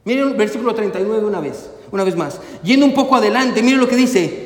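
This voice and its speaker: A man's voice: high-pitched, expressive, quick pace. A man preaching a sermon as pastor, with bursts of emphasis, again and again calling out to his listeners as brothers. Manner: preaching with bursts of emphasis, repeatedly addressing "hermano". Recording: echoey hall, long reverb.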